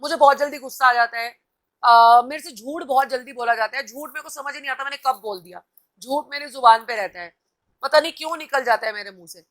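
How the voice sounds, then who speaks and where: High, bright-voiced woman coaching viewers. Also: fairly quick. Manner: coaching, addresses viewers directly, reads out comments. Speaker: TV anchor and host. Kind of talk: live-stream motivational talk.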